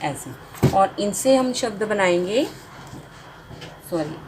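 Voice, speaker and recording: Female teacher for a beginners' spelling lesson, mid-pitched, very slow and deliberate, stretches out each finished word, faint noise in the background. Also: animated, low-quality recording.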